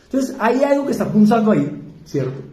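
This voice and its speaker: A man with a Colombian accent preaching an evangelical sermon, moving between fast emphatic repetition and slow quiet asides, often asking the congregation questions. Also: high-pitched, very animated. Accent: Colombian Spanish. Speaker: pastor. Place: church. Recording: echoey church hall.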